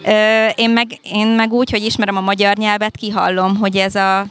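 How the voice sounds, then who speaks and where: A woman chatting casually as a podcast guest, often pausing to search for words. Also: mid-range voice, flat delivery, a bit bright, smooth. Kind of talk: casual conversational interview.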